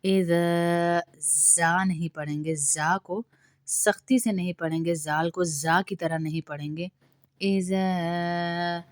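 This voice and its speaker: A woman teaching Quran recitation rules, reciting verses slowly and drawn out, then explaining quickly in between. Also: on the low side, dry recording, studio quality. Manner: slow drawn-out recitation alternating with fast explanation. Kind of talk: tajweed recitation lesson.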